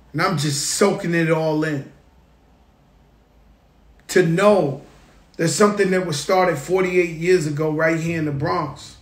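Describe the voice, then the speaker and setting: A middle-aged man telling an excited story at a public event, repeating phrases for emphasis. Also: fairly high pitch. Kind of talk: animated storytelling. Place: outdoor construction site event. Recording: echoey, reverberant sound.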